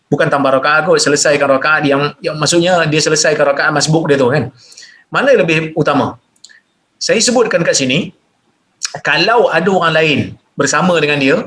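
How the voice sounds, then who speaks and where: Malaysian guy doing a religious q&a, reads the question then explains it plain, slightly high voice, jumps up when he stresses stuff. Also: a bit bright. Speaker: religious teacher answering questions. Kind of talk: Q&A religious lecture.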